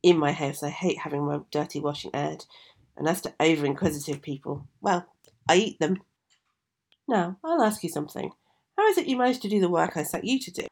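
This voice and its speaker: A woman voicing a fearsome, grumpy old witch in a storybook tale, gruff and scolding, with her voice raised louder. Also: low-pitched, expressive, fairly quick. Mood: menacing.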